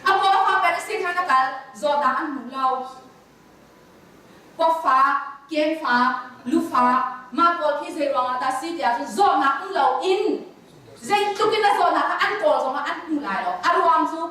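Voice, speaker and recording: A high-voiced woman gives a counseling lecture at a conference and puts questions to her listeners. She sounds far from the microphone, and her voice rings through a large, echoing hall with a faint hiss underneath. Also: expressive, normal speed, pushed and bright. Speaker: conference speaker.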